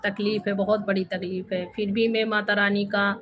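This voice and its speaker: A woman hosting a casual live stream from home, softly chatting with viewers and often thanking them. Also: medium pitch, level tone, normal speed, slight background noise. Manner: soft-spoken, devotional, thanks viewers often. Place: home with two bedrooms and a temple.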